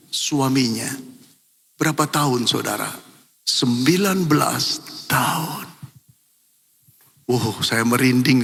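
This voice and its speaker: An older man preaching a sermon as pastor, telling a story and moving between hushed and emphatic passages. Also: fairly high pitch, creaky, slightly rough. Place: large church hall. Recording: long church hall reverb.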